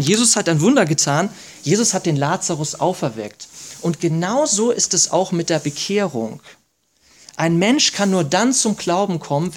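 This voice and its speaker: A man preaching a sermon, asking rhetorical questions and reading scripture aloud slowly with emphasis. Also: fairly high pitch.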